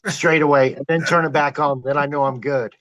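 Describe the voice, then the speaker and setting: A man guesting on a podcast, telling his wildlife camera stories in an animated, excited way. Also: fairly high pitch, brisk. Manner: excited, animated retelling with quoted exclamations. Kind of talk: storytelling in a podcast interview.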